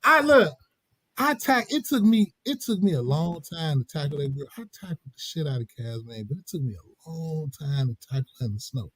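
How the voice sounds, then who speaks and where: A middle-aged man tells stories on a podcast. His voice sits a bit high for a man and comes across lively. The recording is close and dry, with no room sound. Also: normal speed, dry recording. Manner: animated, laughing, slips into quoted voices. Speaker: podcast host. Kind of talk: casual storytelling chat.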